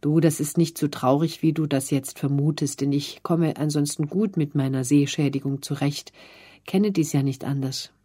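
A woman reads as a calm, self-assured young girl in a storybook, patiently explaining things. Her voice sits low and moves at a moderate pace.

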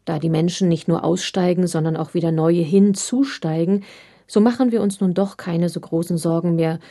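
A woman reading a story aloud in a measured storytelling manner. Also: on the low side, creaky, warm tone. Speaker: reader.

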